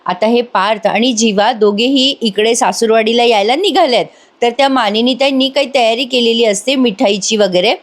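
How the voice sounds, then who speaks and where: Female reviewer, voice-over recap, chatty, direct address, higher pitch. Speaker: TV serial reviewer.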